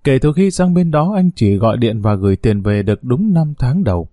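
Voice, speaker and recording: A man reads a scripted story in a steady, unhurried narrator's voice. His tone is dark and mellow, and the recording sounds dry and close. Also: mid-range voice, no room sound.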